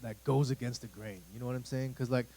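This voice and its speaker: A man's voice: mid-range voice, steady tone, fast talker, warm tone, low-quality recording. A man in his thirties, a youth pastor giving a casual, rambling talk to a church youth group, full of fillers and asides. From United States. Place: church room.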